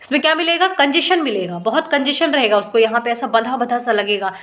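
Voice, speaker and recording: High-voiced woman teaching homeopathy. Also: expressive, fairly quick, a bit bright. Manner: explains patiently, mixes English terms, asks rhetorical questions. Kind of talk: informal online lecture.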